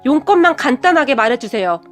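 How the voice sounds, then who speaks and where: Woman reading a cold grown son, clipped and icy, high voice, soft music under. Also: sing-song, fast. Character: cold, resentful adult son.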